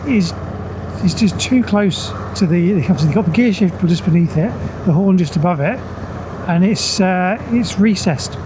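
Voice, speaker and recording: A man's voice: sits high, normal speed. A man giving casual, understated motovlog commentary as he rides a motorcycle, musing aloud into a helmet microphone. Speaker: motorcycle reviewer. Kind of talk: casual spoken motovlog commentary while riding. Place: outdoors, riding a motorcycle on the road. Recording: noisy outdoor ride, engine and road noise.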